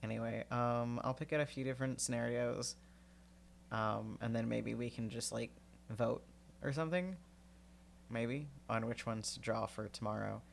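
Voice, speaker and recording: A stuffy-nosed man reads a novel aloud to his stream, then rambles casually between chapters. His mid-range voice has a gravelly edge. He fills the gaps with ums and likes. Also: mid-range voice, steady tone, normal speed, a little hiss or hum. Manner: rambling, filler-heavy chat. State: stuffy, sniffly nose.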